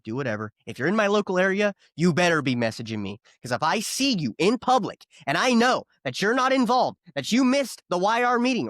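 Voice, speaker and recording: A man hosting a political podcast, delivering a combative, ranting monologue that rises to near-shouting. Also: high voice, no room sound, clean studio sound. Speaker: podcast host.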